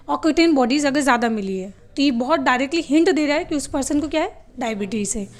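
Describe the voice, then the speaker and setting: A woman teaching a biology class, who asks her students questions and answers them herself, often switching to English terms. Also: high-pitched. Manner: calls her students "beta" and tells them to write things down. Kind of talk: classroom lecture.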